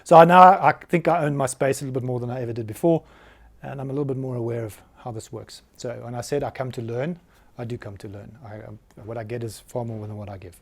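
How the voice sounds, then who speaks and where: A South African man in his late forties speaks to a roomful of people at a medium pitch. He talks in a candid, self-mocking way and with plenty of energy. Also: steady tone, fast talker, husky. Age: 40s. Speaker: business founder giving a talk. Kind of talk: live presentation to an audience. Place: meeting room with audience.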